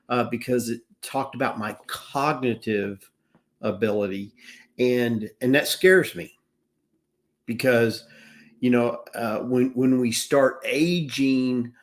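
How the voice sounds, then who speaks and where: A man in his mid-sixties talks slowly and earnestly through a casual live stream, his voice sitting at an ordinary middle pitch. He wanders through his points and often backs up to restart a sentence. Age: 60s. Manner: earnest, rambling, with frequent restarts. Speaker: wellness business owner.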